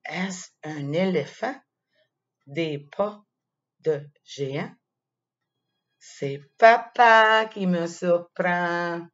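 A woman with a Quebec French accent reading a playful story to children, slow and expressive. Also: fairly low pitch. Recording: dull lo-fi sound.

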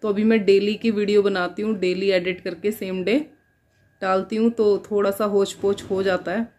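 A chatty mother vlogs from her home kitchen, talking to her phone camera in an easy, everyday way. She laughs often and slips into playful cooing when she turns to her kids. Her voice sits at a middling pitch, with a faint hiss of noise behind it. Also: level tone, moderate pace, darkish tone. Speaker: vlogger and mother. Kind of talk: casual home vlog chat.

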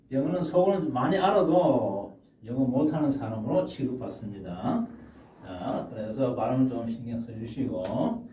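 A man teaching English phrases to older learners, saying them slowly and then explaining them. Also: mid-range voice, dark tone. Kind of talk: slow classroom lesson. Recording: muffled, echoey from far off.

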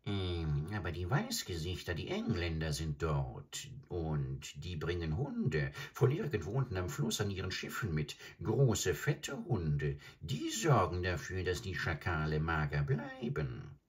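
A man voicing a proud, fussy male crane who croaks out pompous complaints. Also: low voice, very animated, measured pace, few pauses, full character voice.

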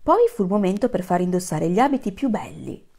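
A woman reads a storybook aloud to children with a lively, swooping voice. Her tone has a gravelly edge, and she tells the tale in an animated, dramatic way. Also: mid-range voice, a little fast. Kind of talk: expressive read-aloud.

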